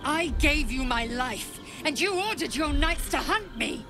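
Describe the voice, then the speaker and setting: A woman's voice: high-pitched, expressive, measured pace, over music. An actress playing a proud, fierce githyanki warrior woman in a video game, speaking formally and with solemn intensity. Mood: defiant. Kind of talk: dramatic video game acting.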